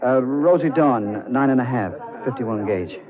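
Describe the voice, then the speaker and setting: An actor playing a tormented, obsessed killer in a 1940s radio drama, narrating with haunted, halting intensity. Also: male voice, mid-range voice, animated, crowd noise, close to an everyday voice. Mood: flustered. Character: tormented, obsessed male strangler confessing his crimes. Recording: muffled vintage radio with music behind.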